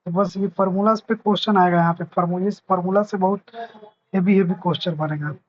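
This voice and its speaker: A man's voice: sits high, fairly even intonation, fairly quick, dull audio. A man teaching a physics lesson, patiently repeating points and checking that his students understand. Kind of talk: explaining a lesson.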